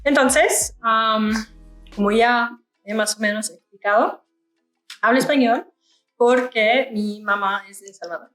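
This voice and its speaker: A woman's voice: a little high, measured pace, fairly bright tone, faint music behind. Chatty young woman, echoey room. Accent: France-style French learned in Canada. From Canada. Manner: chatty, musing aloud with many fillers. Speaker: beauty vlogger. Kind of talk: casual get-ready-with-me chat.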